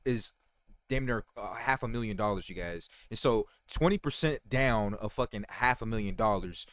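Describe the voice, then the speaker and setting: The sound is clean and studio-like, with no echo. A man in his thirties hosts reaction videos, rambling casually with fillers and swearing while talking straight to viewers, whom he keeps calling "you guys." His voice is fairly low and a bit bright, at a moderate pace.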